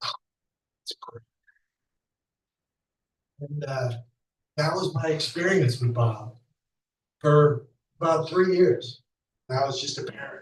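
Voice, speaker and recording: A man's voice: a little high, unhurried, pauses often. Chatty man in an echoey hall. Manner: chatty, laughing, storytelling. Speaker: speaker at a memorial. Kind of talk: off-the-cuff public tribute. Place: school hall. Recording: echoey hall, mic heard from a distance.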